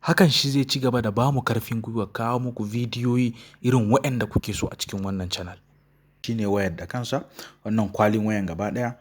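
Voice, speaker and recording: A man's voice: mid-range voice, fairly even intonation, quick pace. A man with a Nigerian Hausa accent, narrating a phone unboxing and review as the host of a tech channel.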